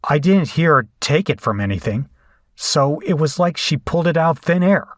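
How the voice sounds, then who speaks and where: In a clean studio recording with no room sound, a man's natural voice sits on the high side, expressive and at a moderate pace. He acts in a horror audio drama as a brash, shaken young rocker, giving first-person narration that's colloquial, incredulous and full of swearing.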